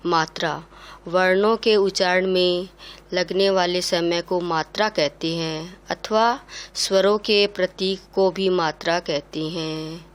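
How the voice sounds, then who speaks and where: Slow, careful woman teaching. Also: on the low side, fairly even intonation. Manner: slow, careful, spells out each sound. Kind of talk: classroom lesson.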